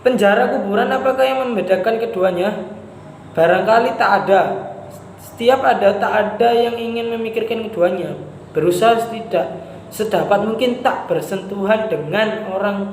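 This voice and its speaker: A man's voice: sits high, darkish tone. A man voicing Siwi, a jailed man who scolds and pleads with a tin plate, in a story reading. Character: Siwi, a jailed man, scornful yet lonely. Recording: echoey room with faint noise.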